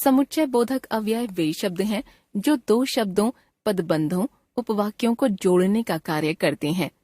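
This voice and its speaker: Slow measured woman narrating a lesson. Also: mid-range voice, mellow, no room sound, studio quality. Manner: reads definitions and example sentences in a measured, deliberate way. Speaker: grammar teacher. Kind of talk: scripted textbook lesson narration.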